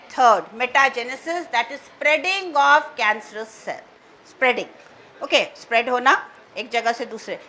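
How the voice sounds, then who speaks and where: A woman teaching biology, going through exam answers in mixed Hindi and English and slowing down to dictate key terms. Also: sits high, bright, forceful tone. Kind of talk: exam answer walkthrough lesson.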